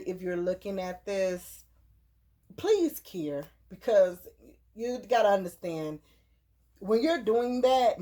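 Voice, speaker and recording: Low-voiced woman giving earnest advice. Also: mellow. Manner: earnest, repeats words, preachy. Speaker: host. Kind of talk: casual advice talk.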